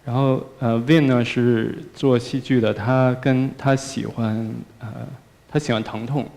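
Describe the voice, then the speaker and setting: A man with a gravelly, fry-edged voice speaks casually at a symposium about an artwork. The sound carries the long echo of a big hall. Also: mid-range voice. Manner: relaxed, with casual filler words. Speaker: artist presenting a work. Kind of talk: symposium talk. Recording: long reverb of a large hall.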